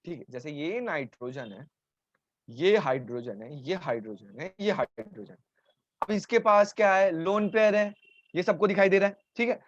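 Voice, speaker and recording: A man teaching a chemistry class live online in Hindi, explaining step by step and pausing to answer student questions, with a sore throat. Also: high-pitched, no echo, muffled recording. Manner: talks to students, breaking off to answer chat complaints. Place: home, streaming over mobile data.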